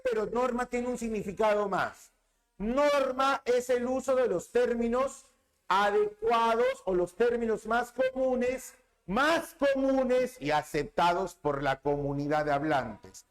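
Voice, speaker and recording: A man with a fairly high voice teaches a classroom language lesson. He talks slowly and swings his pitch widely. He repeats key terms with drawn-out stress and keeps asking the class if they follow. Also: animated. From Peru. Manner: repeats key terms, asks rhetorical checks. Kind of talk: classroom lecture on linguistics.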